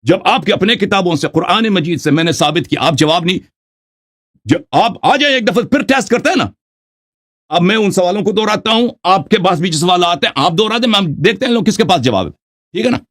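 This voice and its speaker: A man's voice: sits high, expressive, a bit bright. A man in a heated live debate, indignantly demanding an apology and lecturing at length. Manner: lecturing, repeats "right?". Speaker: religious debater. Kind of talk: heated live-call argument.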